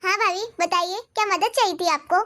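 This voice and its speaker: A woman voicing a kind, dutiful young student in a Hindi cartoon, gentle and reassuring. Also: very high voice, a little fast.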